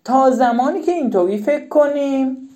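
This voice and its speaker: A woman's voice: high voice, lively intonation, warm tone. A woman giving a live-stream talk to parents, emphatic and repeating her key questions. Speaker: parenting educator.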